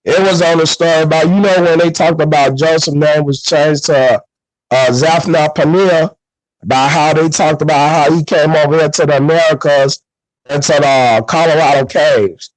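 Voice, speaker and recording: A man in a casual online panel chat, talking in rambling bursts with many fillers, through a loud mic that distorts. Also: fairly high pitch, steady tone, moderate pace, no room sound.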